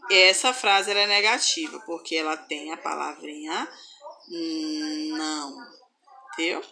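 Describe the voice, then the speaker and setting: A woman teacher giving a slow grammar lesson to children, reading example sentences aloud with expressive intonation. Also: deep voice, vocal fry. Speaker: schoolteacher.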